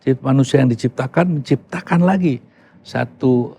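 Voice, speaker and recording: A man's voice: medium pitch, normal speed, gravelly, warm tone, husky. An older man from Yogyakarta, talking casually as a podcast guest, emphatic and mixing in English phrases. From Yogyakarta, Indonesia. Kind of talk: casual conversation.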